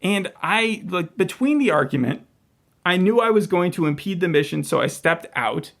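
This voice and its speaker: Gravelly, higher-voiced man chatting casually. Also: normal speed. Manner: animated, quotes people in lively voices. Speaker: podcast co-host. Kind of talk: casual review chat.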